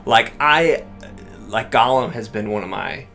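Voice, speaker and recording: A man chatting casually while playing a video game, rambling and excitable, with frequent restarts. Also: on the low side, a little slow, vocal fry, faint music behind. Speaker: let's play co-host. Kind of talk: casual gameplay chat.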